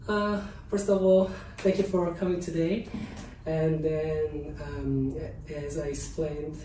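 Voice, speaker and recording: Host, halting, filler-heavy, off-mic in an echoey room with noise. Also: mid-range voice, little pitch movement. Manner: halting, many fillers and restarts. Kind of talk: panel talk. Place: event room. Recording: roomy, distant, noisy.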